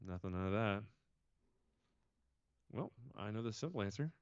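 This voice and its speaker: A man's voice: fairly low pitch, lively intonation, normal speed, smooth, no echo. A man co-hosting a sports talk show over a remote internet call, his audio choppy and clipping as he troubleshoots apologetically. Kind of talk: casual sports chat. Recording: dull lo-fi call audio, dry.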